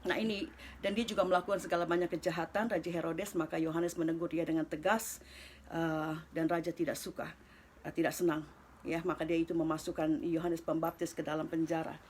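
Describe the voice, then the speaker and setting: A woman with a lowish voice leads a Bible study. She reads the verses softly and slowly, often drifting into a breathy whisper, then explains them in a loose, chatty way. A faint hiss of noise sits under her voice. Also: flat delivery. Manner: explains in a loose, talkative way with many fillers. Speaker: Bible teacher.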